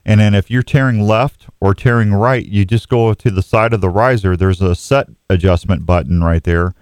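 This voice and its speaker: A man with a lowish, darkish voice hosts an outdoors radio show, joking casually with callers in a folksy way at a moderate pace. It's casual live sports radio chat from a radio studio, recorded on a close studio mic with a clean tone and no room sound.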